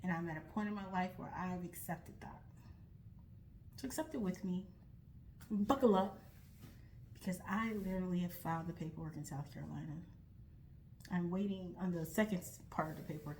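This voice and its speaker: A young American woman, a vlogger starting a nonprofit, speaks earnestly and reflectively to her viewers, often restarting her sentences. Her voice is on the low side with a darkish tone. The recording is rough, with a little hiss or hum.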